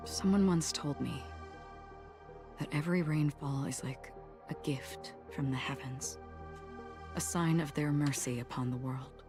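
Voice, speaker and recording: An actress playing a composed, secretive, earnest woman in a video game, speaking in measured, formal, polite lines. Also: low-pitched, music in the background. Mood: reflective, solemn. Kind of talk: dramatic video game voice acting.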